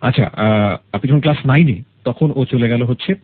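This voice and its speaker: A man with a Bangladeshi accent hosts a radio interview about someone's life story, asking probing questions and summarizing points for listeners. He speaks at normal speed with a medium-pitched voice, and the sound is phone quality.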